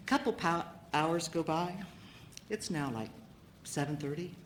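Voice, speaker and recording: A woman sharing her personal recovery story at a meeting, an animated storyteller who acts out the people in it. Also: sits low, takes it slowly, slight background noise.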